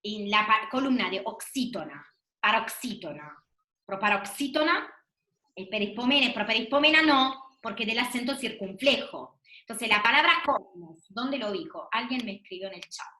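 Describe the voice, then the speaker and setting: A woman's voice: on the high side, expressive, normal speed, sharp tone. A woman teacher, leading an online class in a patient way, asking questions and affirming answers. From Argentina. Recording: echoey room.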